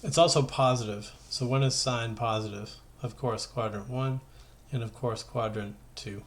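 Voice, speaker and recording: A male math teacher at a high school explains worked problems at a moderate pace in a medium-pitched voice. His informal, conversational style has him thinking aloud, checking his work, and correcting himself.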